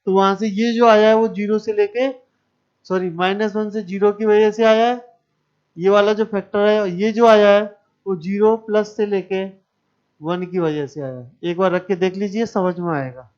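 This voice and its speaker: High clear-voiced male math teacher. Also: steady tone, normal speed, darkish tone, dull audio. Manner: explains step by step, questions the class. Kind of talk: classroom lecture.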